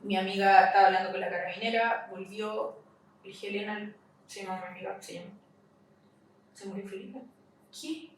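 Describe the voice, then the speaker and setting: A woman with a Chilean accent, a podcast guest recounting a personal loss, halting and repeating herself. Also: mid-range voice, flat delivery. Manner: halting, repeats herself, voice rises in retold questions. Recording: echoey room, mic at a distance, faint hiss.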